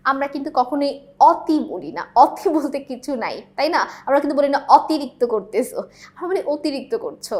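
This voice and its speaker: A young woman teacher from Bangladesh explaining exam questions in a classroom-style lesson, often checking in with her students. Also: high-pitched.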